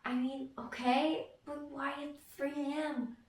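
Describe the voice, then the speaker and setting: An artist vlogger from Ukraine, whose first language is Ukrainian, answers a casual get-to-know-me Q&A. She speaks slowly and haltingly in a high-pitched, level voice, hesitant with many fillers and restarts. The room is echoey and the mic sits at a distance.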